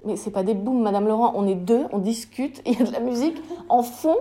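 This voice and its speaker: A woman's voice: on the high side, a little fast, mellow. A young woman defending herself against a neighbor's complaints, protesting and defensive. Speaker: comedian arguing with a neighbor.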